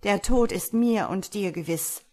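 Woman reading Mistifax, loud young peasant. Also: mid-range voice, a little slow, close to an everyday voice. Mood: exclaiming. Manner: loud, exclaiming. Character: young male peasant, fretful, sly.

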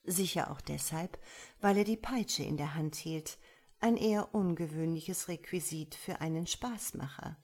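A woman narrates a story in audiobook style, calm and measured. Her voice sits very low with a husky grain. She takes her time over each sentence.

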